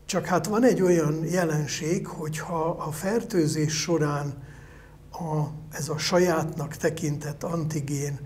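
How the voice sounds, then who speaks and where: Older man, virologist guest, measured explaining, voice a bit high, pauses mid-thought. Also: fairly even intonation, a little mellow, slight background noise. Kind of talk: explanatory interview answers.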